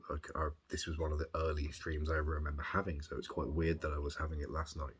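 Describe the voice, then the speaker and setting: Very deep husky Birmingham man. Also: flat delivery, fast talker. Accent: Birmingham English. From Birmingham, England. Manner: rambling, hesitant, thoughtful. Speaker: video diarist. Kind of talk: casual reflective chat, recounting.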